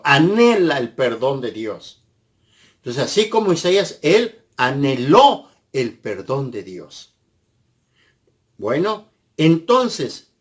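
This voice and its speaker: Slow, deliberate male preacher. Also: on the high side. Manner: slow, deliberate, asks the audience questions. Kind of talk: sermon.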